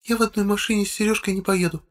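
A man voicing an upset, tearful schoolgirl in an audiobook, in a high, soft, pleading voice. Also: fairly even intonation, brisk, lightly acted.

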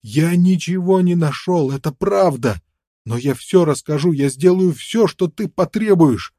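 A man's voice: on the high side, expressive, a little slow, warm tone, no room sound, studio quality, voice pushed up. A man voicing a worn-out, toothless fur trader who stammers and pleads ingratiatingly in an audiobook. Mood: pleading.

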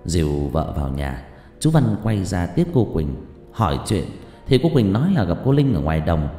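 A man narrating a scripted horror story in a dramatic, expressive way. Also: deep voice, normal speed. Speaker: audiobook narrator. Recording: roomy reverb with faint music.

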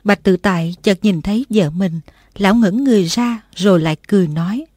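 A woman's voice: medium pitch, a little fast, darkish tone, no echo, clean studio sound. Woman narrating a martial arts audiobook. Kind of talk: scripted story narration.

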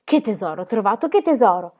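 A woman reading aloud, voicing a bold, cheerful girl who tells tall tales with lively exclamations. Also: mid-range voice, fairly quick. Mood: bold, cheery.

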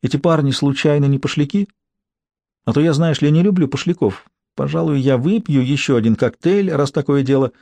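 A man's voice: a little high, fairly quick, creaky, mellow, no echo, voice pushed up. A man voicing a prim, prudish young woman who works as a bank clerk, in an audiobook reading. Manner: prissy and disdainful. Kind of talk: audiobook character voice.

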